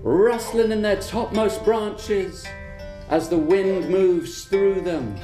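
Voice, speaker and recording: A storyteller telling a folk tale in a lilting, drawn-out way who trails off softly on key words. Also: medium pitch, echoey room, faint music behind.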